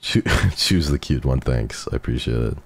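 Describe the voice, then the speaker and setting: Very deep, gravelly-voiced man streaming a game. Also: moderate pace, no echo. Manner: excitable, gushing, swears a lot. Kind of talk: casual gameplay commentary.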